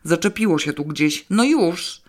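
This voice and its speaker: A woman's voice: lowish voice, lively intonation, measured pace, a little mellow. A woman voicing Alicja, a brusque, impatient woman in an audiobook, giving curt, dry commands.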